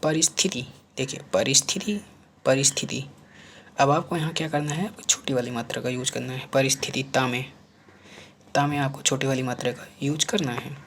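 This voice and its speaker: A man teaching spelling for a competitive exam, drilling each word by saying it again and again. He asks questions and answers them himself in a patient classroom rhythm. His voice sits at an ordinary middle pitch, with faint background noise in the recording. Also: normal speed, fairly bright tone. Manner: drops to murmurs while writing on screen. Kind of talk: exam-prep spelling lesson.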